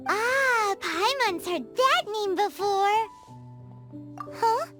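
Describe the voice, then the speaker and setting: A tiny fairy companion from a video game, squeaky and childlike. Her pitch is very high and bounces around eagerly, full of curiosity and exclamations, with music underneath. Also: animated, very slow, bright, forceful tone, full character voice. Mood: excited. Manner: refers to self by name, exclamatory. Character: small excitable fairy companion girl, chirpy and curious. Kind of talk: video game cutscene dialogue. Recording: music behind the voice.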